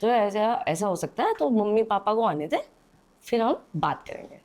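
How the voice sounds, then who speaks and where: A young woman guesting on a podcast tells a story from an indoor studio at a moderate pace, her mid-range, slightly mellow voice swinging widely in pitch. Casual and chatty, she fills pauses hesitantly and keeps asking "okay?" with "theek hai."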